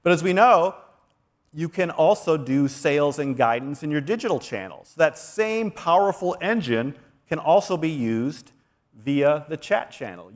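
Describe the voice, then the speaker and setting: A man presenting a keynote talk at a conference, energetic and persuasive as he walks through slides. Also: on the high side. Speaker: conference speaker.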